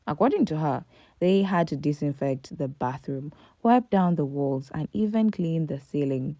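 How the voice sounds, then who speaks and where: A woman's voice: sits low, expressive, normal speed, dark tone, dry recording. A woman reading a scripted commentary voice-over, emphatic and full of rhetorical questions. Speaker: commentary narrator.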